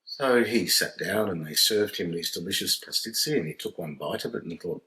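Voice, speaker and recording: Low-voiced man telling jokes. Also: moderate pace. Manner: playful, deadpan storytelling. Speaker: co-host, joke teller. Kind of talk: casual chat and joke telling.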